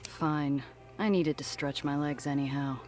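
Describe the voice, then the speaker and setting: An actor playing a cynical, world-weary noir detective who narrates his own case in a brooding, measured way for a video game. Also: on the high side, soft background music, natural voice. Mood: wry, weary. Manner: hard-boiled, brooding, flatly measured.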